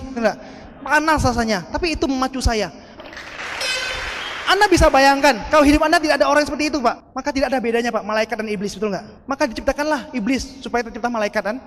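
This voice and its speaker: Motivational speaker, man, very high voice, long hall echo, animated and audience-directed. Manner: animated, addresses the audience as "Pak" and asks "betul nggak?". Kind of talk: motivational seminar talk.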